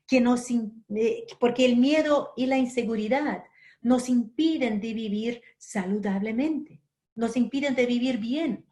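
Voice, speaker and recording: With a voice on the high side, a woman from Brazil recounts a personal story in a spiritual lecture. She takes her time, speaking gently and slipping in soft asides.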